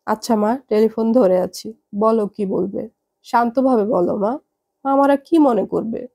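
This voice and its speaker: A woman voicing a calm young adult daughter who reasons patiently with her parents. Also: on the high side, measured pace, creaky, breathy edge, full character voice. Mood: patient, reasoning.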